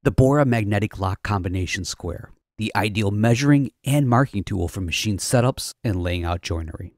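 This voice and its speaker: Gravelly low male voice-over. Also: normal speed. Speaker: product ad voice-over. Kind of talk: scripted ad narration.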